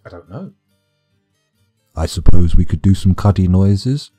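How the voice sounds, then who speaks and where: A man talking over livestream microphone audio from his desk, his pitch moving lively up and down as he chats wryly through a strategy game. His voice has a husky, slightly breathy edge, and a soft guitar plays faintly behind him. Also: unhurried. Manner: wry, chatty, reads game reports aloud. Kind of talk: casual livestream commentary.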